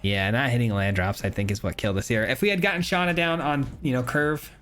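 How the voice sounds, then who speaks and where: A man's voice: mid-range voice, quick pace, fairly bright tone. A man casually commenting on his own card game as he plays, chatty and self-critical, with frequent ums and uhs. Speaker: gameplay streamer.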